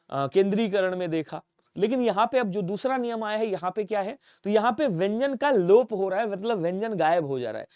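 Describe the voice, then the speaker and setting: A male teacher runs an exam-prep lesson, asking his students question after question and answering for them. His voice sits high, and the recording is dry and close, with no room sound. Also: clean tone, no room sound. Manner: drills students with call-and-response questions; stresses and repeats spellings. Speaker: Hindi teacher.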